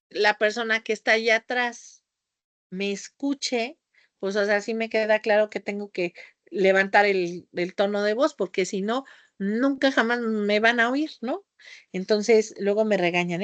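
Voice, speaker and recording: A woman teaching a class with a high, squeaky voice, speaking loudly and theatrically, changing her tone often and drifting off on tangents. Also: dry recording. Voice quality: high-pitched voice, calls it a squeaky off-key whistle. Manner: scattered, jumps between topics with tangents. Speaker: homeopathy teacher. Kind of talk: lecture to a class.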